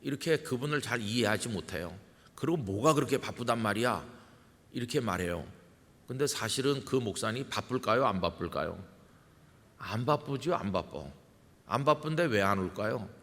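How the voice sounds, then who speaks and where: A man's voice: lowish voice, animated, normal speed, a bit bright. A middle-aged man, a senior pastor, preaching in a conversational way and putting questions to his congregation. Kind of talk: sermon. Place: large church sanctuary. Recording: church hall with long reverb.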